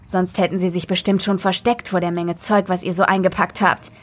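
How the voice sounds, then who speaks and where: A woman's voice: lowish voice, level tone, fairly quick, close to an everyday voice. Woman doing a jovial, laughing father. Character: good-humoured father who laughs a lot.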